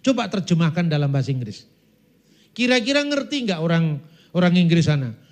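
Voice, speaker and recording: High-voiced man preaching to a congregation. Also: very animated, brisk, a little mellow. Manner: storytelling, addresses the audience as brothers and sisters; breaks into sung demonstrations. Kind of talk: church teaching talk.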